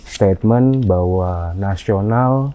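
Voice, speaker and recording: A man answering interview questions in a halting way, with frequent fillers and restarts. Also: low-pitched, warm tone. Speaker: interview guest. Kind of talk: conversational interview. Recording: dull lo-fi audio.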